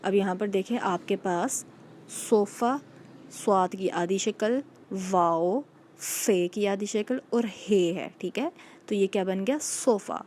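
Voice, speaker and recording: A woman teacher giving a patient recorded phonics lesson to young children, repeating each sound slowly and checking in with them often. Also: mid-range voice, a little mellow, slight background noise. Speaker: school teacher.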